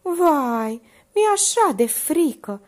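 A woman voices a panicky, chatty character who scares easily, letting out shrill, breathless exclamations in a sing-song way.

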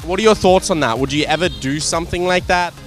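A man's voice: a little high, a bit bright. Young man, street interviewer, upbeat, teasing, handheld mic, busy city street, faint music behind. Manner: upbeat, teasing, quick follow-up questions.

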